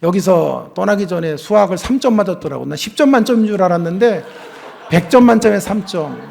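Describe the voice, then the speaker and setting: A middle-aged man from South Korea preaching at a revival meeting, telling a family story and acting out its dialogue, moving from hushed to loud. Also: sits high, expressive, brisk, gravelly. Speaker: pastor. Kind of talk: revival sermon.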